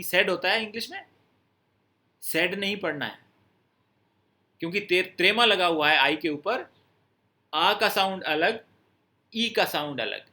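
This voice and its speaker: This man, a French teacher, speaks in a high-pitched, sharp voice as he teaches a language class. Going step by step, he repeats vocabulary and checks that the students follow.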